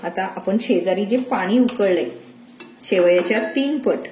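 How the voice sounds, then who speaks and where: A woman hosting a cooking channel, calmly walking through a recipe step by step in a home kitchen. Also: medium pitch, a little slow. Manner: calm, step-by-step instructive. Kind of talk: recipe narration. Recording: echoey kitchen, faint noise.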